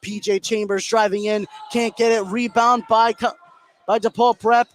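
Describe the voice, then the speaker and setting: An American man calls a basketball game live on radio, describing the action in running detail. His voice is high with little pitch movement, and he speaks at a normal speed. Clear gym noise and soft background music sit behind the commentary.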